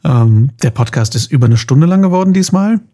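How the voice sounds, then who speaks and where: A man in his mid-thirties hosting a podcast in a casual, conversational way, with a husky voice and a playful, self-deprecating manner. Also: medium pitch, animated, brisk, warm tone. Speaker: podcast host.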